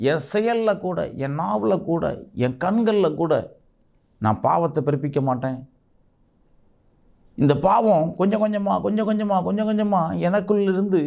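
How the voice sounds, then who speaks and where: A man's voice: sits high, creaky, darkish tone. A male pastor, preaching a fervent sermon full of repeated rhetorical questions. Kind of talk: sermon with prayer.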